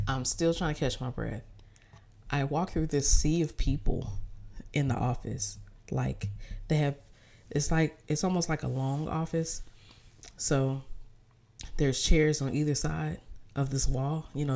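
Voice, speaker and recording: Low gravelly woman telling a story. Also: warm tone. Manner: profane, chatty, addresses listeners as y'all; acts out quoted dialogue. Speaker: vlogger. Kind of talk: casual storytelling podcast.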